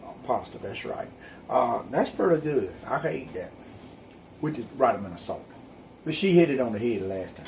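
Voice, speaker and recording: A man's voice: medium pitch, big pitch swings, moderate pace, gravelly, darkish tone, slight background noise. A man, casually and bluntly giving his opinion on food while eating. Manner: blunt, folksy, dry humor, talks with mouth full. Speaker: taste tester, host's husband.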